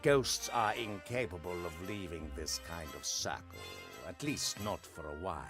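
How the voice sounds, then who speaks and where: An actor playing a self-assured, pedantic ghost-trapping expert in an adventure game, lecturing with deliberate emphasis. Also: male voice, low voice, over music. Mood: matter-of-fact. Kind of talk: acted adventure game dialogue.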